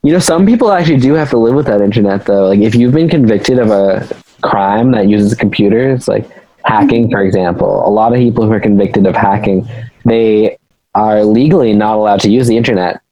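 A man's voice: on the low side, brisk, mellow, dry recording, lo-fi sound. A man hosting a casual podcast chat, asking questions and laughing easily, explaining things at length. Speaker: podcast host.

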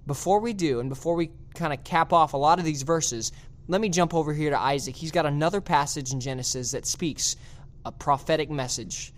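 A man preaching a sermon, reading scripture aloud and slowing down to stress key words. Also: on the high side.

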